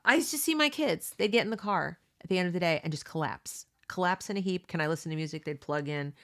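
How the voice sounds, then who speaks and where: This is a read-along with conversational commentary: a middle-aged homeschooling parent reads a book aloud and breaks off into earnest, emphatic, opinionated asides, frequently asking "okay?" or saying "you know." She's a fast talker with a lowish, expressive voice.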